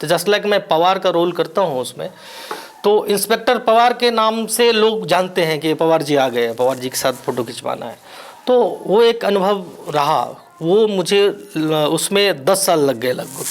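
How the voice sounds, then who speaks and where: An actor from Bihar, India, whose first language is Maithili, answers interview questions in a high, expressive voice. He is measured and reflective, pausing often.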